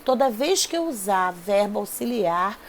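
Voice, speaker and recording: A woman's voice: medium pitch, big pitch swings, measured pace, slight background noise. A woman teaching an English grammar lesson, explaining rules step by step and checking in with her students often. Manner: patient, repeats rules, checks in with "tá?" and "ok?".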